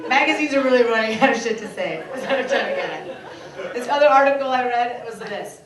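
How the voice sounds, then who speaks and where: A young woman from Michigan performing a stand-up comedy set in a club, playful and animated, slipping into voices of other people. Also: a little high, fairly quick, a crowd in the background. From Michigan, USA. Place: comedy club stage before a laughing audience. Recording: roomy, distant club recording with noise.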